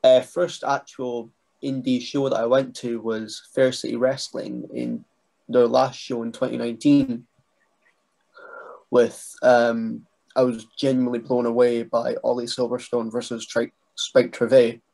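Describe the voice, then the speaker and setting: A young man, talking as a guest on a video call interview, soft-spoken and hesitant with restarts. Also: mid-range voice, level tone, measured pace, vocal fry. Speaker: guest, wrestling writer and trainee. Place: small bedroom indoors. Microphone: webcam mic on video call.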